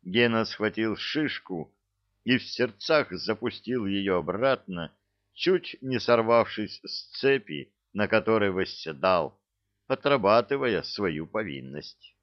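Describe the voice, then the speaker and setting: A man reading a fairy-tale story aloud in an unhurried, expressive way, doing voices for the characters. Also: fairly low pitch. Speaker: narrator. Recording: dull lo-fi recording.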